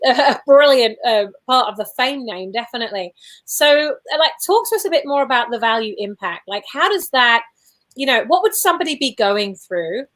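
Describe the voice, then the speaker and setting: A woman's voice: fairly high pitch, a bit bright. A woman hosting a conversational interview in a chatty, effusive manner. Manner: chatty, effusive, chuckles while talking. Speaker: interviewer, host.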